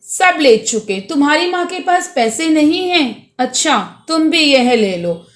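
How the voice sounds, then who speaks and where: A woman's voice: high voice, lively intonation, a little slow. A woman reading the part of a kind, patient male street flute seller who coaxes children affectionately. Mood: coaxing. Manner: coaxing, affectionate toward children.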